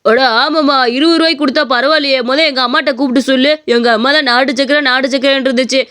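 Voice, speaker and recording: A woman's voice: sits high, fairly even intonation, very fast, fairly bright tone. A woman voicing an easygoing young village husband in a cartoon story, casual and agreeable.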